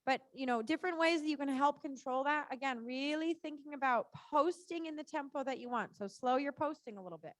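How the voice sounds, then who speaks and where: High-pitched woman coaching a riding lesson. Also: a little fast, hardly any pauses, no room sound. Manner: encouraging, short repeated cues; informal, reassuring.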